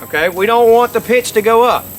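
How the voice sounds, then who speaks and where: High-pitched middle-aged man teaching outdoors. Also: fairly quick, heavy background noise. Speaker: instructor, game call company presenter. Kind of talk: instructional how-to demonstration. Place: outdoors by a lake.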